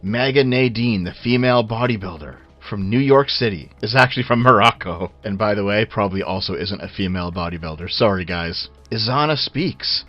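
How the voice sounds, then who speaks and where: A man giving casual, blunt and sardonic video commentary with swearing, on a low-quality, low sample rate recording. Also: fairly quick, hardly any pauses, dull audio, faint music behind.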